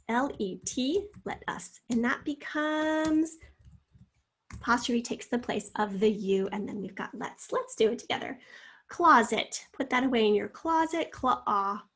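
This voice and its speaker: A woman teacher giving a spelling lesson, slowly sounding out syllables and speaking encouragingly to her students. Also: on the high side. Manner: slow, drawn-out sounding out of words; encouraging, addresses students directly.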